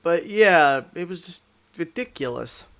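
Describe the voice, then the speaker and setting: A man's voice: a little high, expressive, measured pace, fairly bright tone. A man in a casual podcast chat, candid and self-critical about his past videos. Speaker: content creator, streamer.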